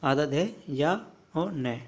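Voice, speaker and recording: Young male tutor, slightly high voice, repetitive drill delivery: wrong word, right word, "okay", next. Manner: repetitive drilling, checks in with "ठीक है" often; contrasts the wrong form with the right one, pausing mid-word. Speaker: Hindi teacher. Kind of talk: spelling lesson for exam prep.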